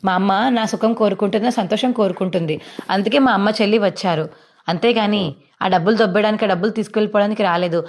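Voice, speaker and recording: A woman's voice: mid-range voice, steady tone, fast, close to an everyday voice. A woman voicing a fiery young daughter-in-law who talks back angrily. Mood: angry. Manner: angry, reproachful.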